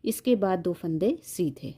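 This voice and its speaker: A woman's voice: lowish voice, expressive, a little slow, mellow, slightly rough. A woman giving a step-by-step knitting tutorial, patiently counting stitches aloud and repeating each instruction.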